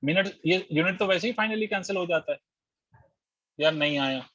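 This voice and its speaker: A man teaches physics in an online class, explaining step by step, quizzing his students as he goes, and mixing English terms into Hindi. His voice sits high, pushed and bright, at a moderate pace. The audio is dry, dull and lo-fi.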